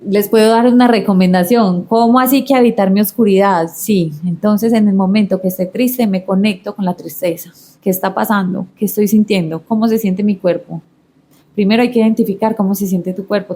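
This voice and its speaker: Psychologist woman explaining calmly. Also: mid-range voice. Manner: warm, explanatory, gives advice. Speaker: psychologist guest. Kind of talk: reflective conversation.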